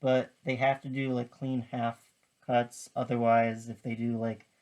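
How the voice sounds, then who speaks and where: A person giving casual card magician patter in a step-by-step tutorial, explaining in halting, piecemeal phrases. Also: medium pitch, flat delivery, a little mellow. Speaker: card trick tutorial presenter.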